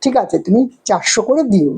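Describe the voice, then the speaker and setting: A woman's voice: medium pitch, big pitch swings, fairly quick, a little mellow, husky. A woman voicing a chatty middle-aged fish seller who keeps coaxing her customer to buy more. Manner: coaxing, persuasive bargaining.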